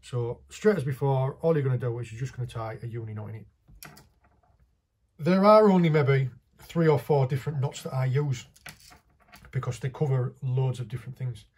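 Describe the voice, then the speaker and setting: A man's voice: medium pitch, normal speed, darkish tone, husky. A man, casually talking through a hands-on fishing tutorial while he works, in a small indoor workshop. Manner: chatty, practical, talks while working with his hands.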